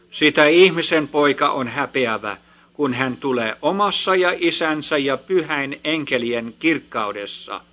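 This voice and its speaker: A solemn, grave male teacher, as a man reads him out in a scripture recording, his voice fairly high and bright. The words come measured and slow down at the weighty endings.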